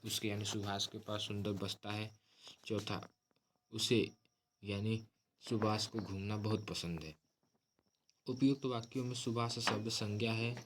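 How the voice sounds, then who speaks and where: Low-voiced teacher explaining grammar. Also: male voice, slight background noise. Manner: steady explanatory delivery, addresses listeners as friends. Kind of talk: grammar lesson.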